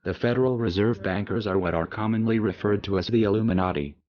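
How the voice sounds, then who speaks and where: Disguising his voice by pitching it down deep, an unnamed man narrates a scripted message quickly in a grave, proclamatory tone. The audio is dull and lo-fi.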